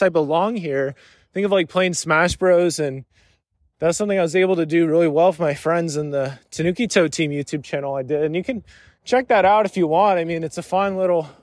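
A man's voice: high-pitched, no echo. A man hosting a solo podcast, talking casually and rambling with lots of filler words. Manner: rambling, heavy use of filler "like". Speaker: podcast host.

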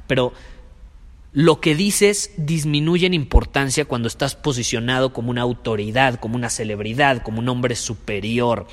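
A man's voice: mid-range voice, normal speed. Emphatic Mexican man, echoey room. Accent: Mexican Spanish. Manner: emphatic, preachy, repeats key phrases. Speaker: podcast host and sales coach. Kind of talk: motivational monologue.

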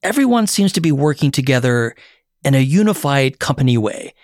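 A middle-aged actor narrating his own story in a measured, reflective way with a wry edge. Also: mid-range voice, very animated, darkish tone, no echo, studio quality. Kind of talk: scripted memoir narration.

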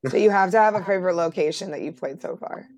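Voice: mid-range voice, fast. A podcast host asking friendly, rambling questions in a casual interview.

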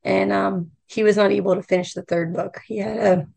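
A woman from the United States with a hoarse, froggy voice, talking casually as a novelist being interviewed. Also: mid-range voice, fairly even intonation, brisk, a little mellow. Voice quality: croaky frog voice.

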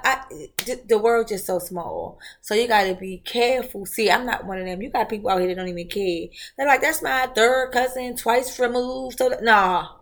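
Animated woman telling a story. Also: mid-range voice. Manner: animated, expressive storyteller who acts out quoted voices. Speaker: podcast host. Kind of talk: casual storytelling monologue.

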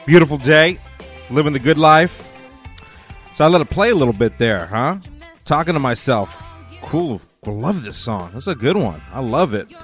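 A man's voice: medium pitch, lively intonation, normal speed, fairly bright tone, soft background music. A man hosting a radio interview, talking in a rambling way full of fillers. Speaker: radio host.

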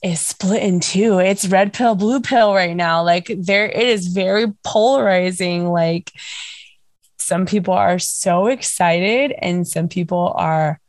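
A young woman with a hoarse, scratchy, nasal voice, hosting a casual fan chat podcast with lots of fillers. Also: lowish voice, takes it slowly, no echo. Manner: chatty, filler-heavy, excitable. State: hoarse, lost voice. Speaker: podcast host.

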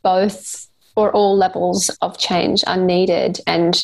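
This woman has a gravelly, creaky texture running through her speech. She talks earnestly and thoughtfully as a guest author, often pausing to restart her sentences. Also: on the low side, flat delivery. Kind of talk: conversational interview.

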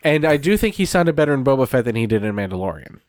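A man's voice: mid-range voice, big pitch swings, quick pace, no echo, studio quality. A man hosting a podcast in casual chat, talkative and laughing often, quoting himself in asides. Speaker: podcast host.

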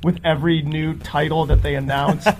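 A man in casual interview chat, speaking haltingly with many fillers and restarts. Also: on the high side, little pitch movement, darkish tone, a little hiss or hum, rough recording. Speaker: animation director guest.

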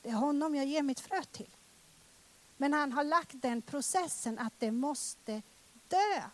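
A woman in her thirties with a high voice preaches a personal testimony sermon. She is emotional and dramatic, swinging between loud exclamations and hushed words.

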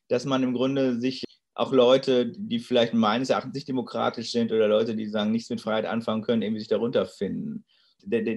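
A man giving thoughtful, halting interview answers with many restarts. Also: fairly low pitch, a little mellow. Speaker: interview guest, political thinker.

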